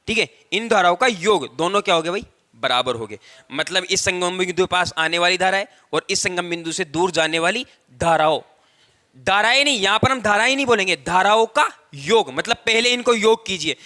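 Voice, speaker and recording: At the whiteboard, a technical tutor walks his class through the material one step at a time, repeating key phrases and stretching out the words he stresses. His voice is high-pitched, pushed and bright.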